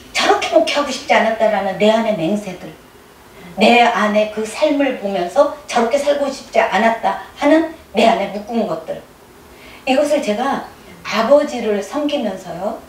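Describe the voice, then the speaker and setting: A middle-aged woman gives a chatty testimony sermon, her voice sitting a little high. She keeps prodding the congregation with short questions. She is heard from some distance in a reverberant church hall with faint noise behind. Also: expressive, normal speed. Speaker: church speaker giving testimony. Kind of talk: conversational sermon. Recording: echoey room, mic at a distance.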